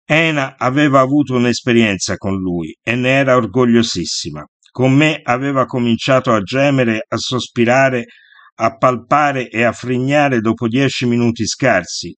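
A man reading a first-person novel aloud in a measured, unhurried way. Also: mid-range voice, fairly bright tone, dry recording. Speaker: audiobook reader.

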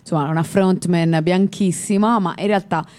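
A woman's voice: on the low side, steady tone, normal speed, warm tone. A woman co-hosting a music radio show, chatting casually and wandering off on tangents. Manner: chatty, digressive, laughs easily. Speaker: radio co-host.

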